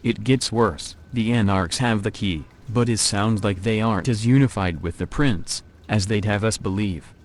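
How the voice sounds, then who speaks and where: Man's low synthetic voice as curt, vengeful vampire. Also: moderate pace, few pauses, natural voice. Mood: resolute. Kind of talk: text-to-speech game character voice. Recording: faint background noise.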